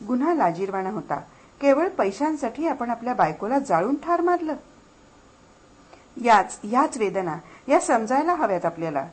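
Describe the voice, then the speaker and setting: A woman narrating an audiobook story dramatically, her delivery expressive and shifting between hushed and urgent. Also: a little high, moderate pace, poor audio.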